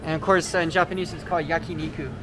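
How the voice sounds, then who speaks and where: On the high side in pitch and quick in pace, a male vlogger wanders a large indoor supermarket explaining products in a casual, relaxed way. Frequent "uh" fillers mark his explanatory commentary. The sound comes from a handheld camera mic while he walks, with noisy store ambience in the background.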